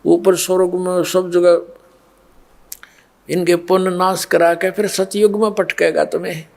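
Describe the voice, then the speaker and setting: A man giving a devotional sermon, speaking straight to his listeners in a steady preaching cadence. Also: high voice, gravelly. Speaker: spiritual preacher.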